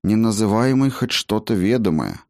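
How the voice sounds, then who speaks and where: A man voicing a weary, gentle elf healer who talks in worried questions. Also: fairly low pitch, lively intonation, moderate pace, no room sound, clean studio sound. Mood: anxious.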